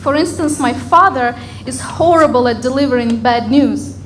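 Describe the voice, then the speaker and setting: A woman from Russia with a Russian accent doing a deadpan stand-up set on a comedy club stage. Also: high voice, normal speed. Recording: loud crowd and room noise in a club. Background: audience laughter.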